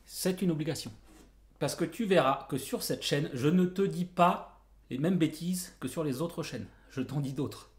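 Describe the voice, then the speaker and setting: A man's voice: a little high, moderate pace, roomy sound. Joking man with a numb, anaesthetised mouth. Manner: joking, self-deprecating. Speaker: jazz guitar coach and video teacher. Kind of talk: casual tutorial to camera.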